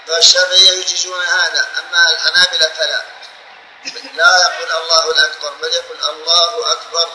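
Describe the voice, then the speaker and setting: A man's voice: a little high, sharp tone, roomy sound, a little hiss or hum, poor audio. A man giving a religious law lesson, explaining patiently and drawing out example phrases to illustrate them. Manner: explains slowly, repeats and drawls examples to show them. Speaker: teacher of Islamic law.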